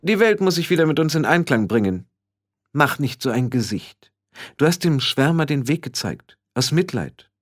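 A man's voice: on the high side, very animated, pitched above the performer's own voice. Man voicing a bossy old witch granny. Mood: commanding. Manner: brisk, bossy, sharp. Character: old grandmother witch, brisk and commanding. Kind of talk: audiobook character voice.

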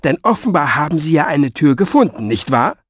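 A cranky old male writer snaps back in raised, exasperated bursts, as a male reader plays him. His pitch sits somewhat high and swings widely, and the recording is dry and close. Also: sing-song, a little fast, no echo. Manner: curt, exasperated outbursts. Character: irritable old male writer, gruff and snappish.

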